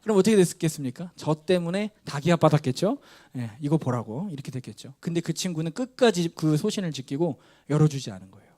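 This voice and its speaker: Brief: a male pastor preaching, a higher voice, telling a story with acted dialogue. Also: animated, fast talker, hardly any pauses, dark tone. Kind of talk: sermon.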